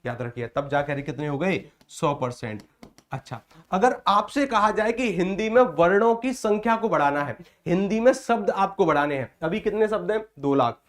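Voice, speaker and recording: A man's voice: high voice, lively intonation, moderate pace. A man teaching a live online lesson, asking the class a question, then repeating it and answering it himself, and encouraging viewers by reading their comments aloud. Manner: repetitive call-and-response questioning.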